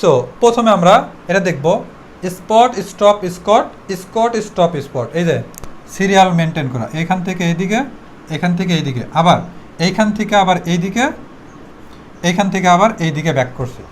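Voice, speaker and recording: A man's voice: high-pitched, animated, moderate pace, a little hiss or hum. A man with a Bengali accent teaching an English pronunciation class, explaining step by step and drilling words in repeated rounds. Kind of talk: spoken English lesson.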